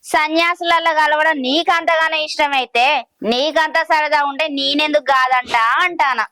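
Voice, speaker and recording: A woman's voice: high-pitched, steady tone, normal speed, pushed and bright. A woman, playing a sarcastic village wife who taunts her husband. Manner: sarcastic, needling. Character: mocking village wife, the other of two.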